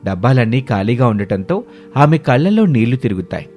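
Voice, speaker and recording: Steady male story narrator. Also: mid-range voice, fairly quick, lo-fi sound, soft background music.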